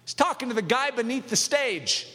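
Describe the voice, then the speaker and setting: A high, bright-voiced man preaches with fervor, his lively delivery leaping up into ringing exhortations and sinking into quiet, low asides. His voice rings out with a long reverb, as in a big hall. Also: moderate pace. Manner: swings from loud, high exhortation to low, hushed drops; asks the listeners direct questions. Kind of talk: impassioned sermon.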